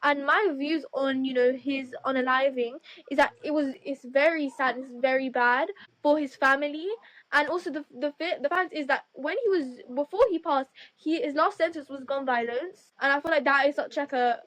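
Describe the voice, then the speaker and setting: A woman's voice: high-pitched, fairly even intonation, moderate pace, fairly bright tone, dry recording, rough recording. A woman speaking casually as a guest in a livestream debate, chatty and heavy on fillers. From United Kingdom. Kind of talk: casual chat.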